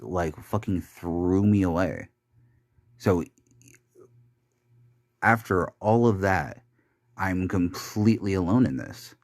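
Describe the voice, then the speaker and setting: A young man with a low, slightly mellow voice records a bitter, rambling confessional podcast monologue in studio quality with no echo. He swears a lot and speaks haltingly, restarting sentences and using many fillers.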